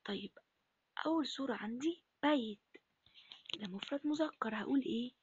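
A woman teaching Arabic to first graders in an Egyptian accent, asking questions and answering them herself in a breathy, half-whispered voice. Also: fairly high pitch, normal speed, muffled recording. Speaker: primary school Arabic teacher. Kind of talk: recorded lesson for first graders.

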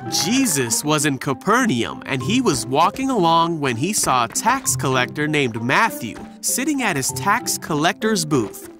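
A man's voice: fairly high pitch, sing-song, measured pace, few pauses, music in the background. A man narrating a children's Bible cartoon in a storybook manner. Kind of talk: scripted narration.

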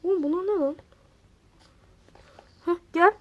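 A woman hosting a gaming channel, giving casual, excitable gameplay commentary, talking straight to her viewers and exclaiming at other players. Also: extremely high pitch, measured pace, highs cut off.

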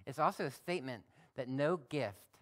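A male pastor giving a sermon, reading scripture aloud and adding relaxed, folksy asides. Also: medium pitch, moderate pace. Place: church.

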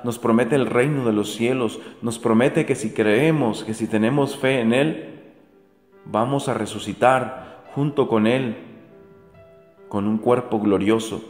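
A man preaching a daily gospel reflection, earnest and repetitive, asking the faithful rhetorical questions again and again. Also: medium pitch. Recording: echoey room with soft music.

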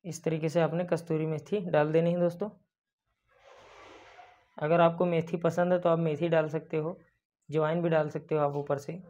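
A man's voice: fairly high pitch, little pitch movement, normal speed, long pauses, a little mellow. Young man talking through a baking tutorial. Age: young adult. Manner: addresses viewers as friends constantly, step-by-step instructions. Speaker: baker and cooking channel host. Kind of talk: cooking tutorial voice-over. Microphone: lapel mic. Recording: dull lo-fi sound.

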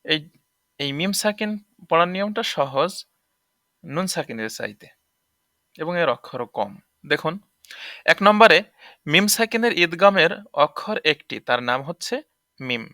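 A man teaches tajweed rules, going over each point again and asking if it is clear. His voice sits a little high and sounds bright. The recording is close and dry. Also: sing-song, a little slow, pauses often, no echo. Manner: explanatory, repeats points and checks understanding. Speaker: Quran recitation teacher. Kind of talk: tajweed lesson explaining rules.

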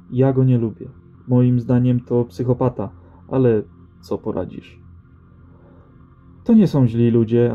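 A man's voice: mid-range voice, lightly acted. A man voicing a seasoned male rat-hunter who speaks in dry, matter-of-fact banter, in an audiobook reading. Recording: slightly dull audio with faint music.

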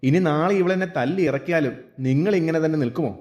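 A man voicing a bitter, quarrelsome middle-aged woman in a storybook reading, with a sharp, resentful manner. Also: a little high, fast, pitched above the performer's own voice, natural voice.

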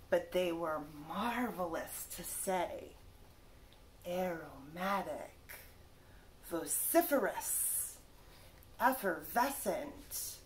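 Her voice fairly low in pitch over slight background noise, a woman in her thirties reads a picture book aloud in a small living room. Like a teacher, she gives each word careful, drawn-out emphasis.

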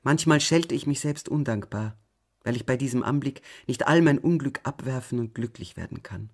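A man narrating an audiobook in a calm, measured way, often going soft at the ends of phrases. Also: medium pitch. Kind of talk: scripted narration.

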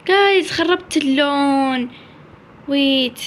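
Chatty high-voiced Iraqi woman gamer. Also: drawn-out words, slight background noise. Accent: Iraqi Arabic. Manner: chatty, mixes in English phrases, teasing. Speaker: gaming channel host. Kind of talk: casual gameplay chat.

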